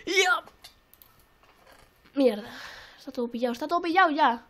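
Young woman, high voice, excitable gameplay commentary, repeats herself. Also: fast talker. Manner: excitable, repeats phrases, swears often. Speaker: gaming YouTuber. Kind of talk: casual let's-play commentary.

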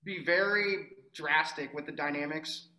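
Bright-voiced hesitant male student, echoey room. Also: fairly high pitch, measured pace. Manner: hesitant, with many "um"s. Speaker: music student. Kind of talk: answering a teacher in class.

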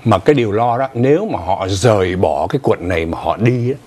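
Animated older male news co-host. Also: lowish voice, fairly quick, slightly rough. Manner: chatty, animated explaining with asides and laughs. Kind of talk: casual morning news commentary. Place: TV studio. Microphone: lapel mic.

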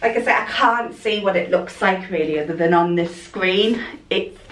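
A woman's voice: lowish voice, normal speed, fairly bright tone, recorded from a distance. A woman chatting casually through a clothing try-on haul, rambling and thinking aloud as a fashion vlogger. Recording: echoey room, voice a bit off-mic.

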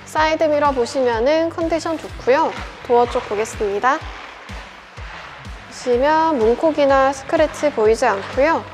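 A woman's voice: high-pitched, moderate pace. A young woman giving a methodical, polite scripted car walkaround as a sales presenter, over background music. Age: young adult. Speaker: used car dealership presenter. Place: large indoor car showroom, car interior and garage.

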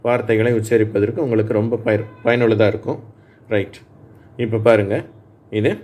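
A man with a Tamil accent, teaching English phonics in a spoken lesson for adult learners, drilling sounds slowly and clearly so listeners can repeat them. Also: lowish voice, a little mellow.

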